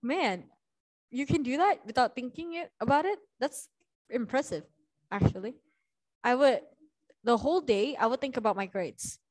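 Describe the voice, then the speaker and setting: A woman's voice: high voice, expressive, normal speed, pauses often, darkish tone. A young woman teacher chatting casually with students in an online class over a video call, laughing often between remarks. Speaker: English teacher.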